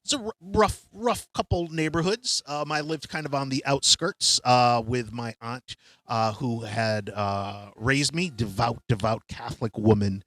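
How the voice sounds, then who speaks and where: A man's voice: medium pitch, unhurried, fairly bright tone, no room sound. A man in his fifties hosting a podcast from a shop studio, telling a personal story in a candid, reflective way with many ums and uhs. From Hartford, USA. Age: 50s. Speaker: podcast host.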